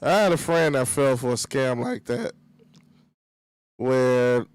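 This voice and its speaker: A man's voice: mid-range voice, lively intonation, slow, smooth, no echo. A man hosting a livestream, telling a rambling, profane story in casual chat with lots of fillers, close to the mic. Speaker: livestream host.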